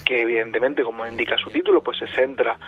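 A man's voice: medium pitch, fairly even intonation, fast. A man calling in over a landline phone as a film and series critic on a radio show, talking hesitantly and often repeating words. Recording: muffled lo-fi phone line.

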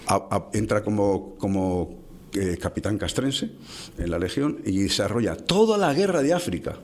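Halting man telling old stories. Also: lowish voice. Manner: halting, many restarts and fillers, lively when telling anecdotes. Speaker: interviewee telling local history. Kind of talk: conversational storytelling.

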